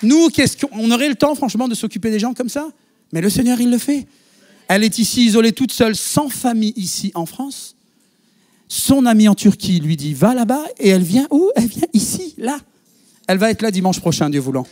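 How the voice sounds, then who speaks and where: A man's voice: extremely high pitch, brisk. A male pastor preaching to his congregation, telling a story and acting out the dialogue. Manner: animated storyteller, quotes others in dialogue. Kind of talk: sermon with storytelling. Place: church.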